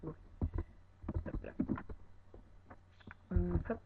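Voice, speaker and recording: A French-speaking gamer casually walking viewers through a building project, talking hesitantly with many filler words. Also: very slow. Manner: hesitant, filler-heavy, many "voilà" and "euh". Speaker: YouTuber showing a building project. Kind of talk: casual game walkthrough commentary. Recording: dull lo-fi mic with steady noise.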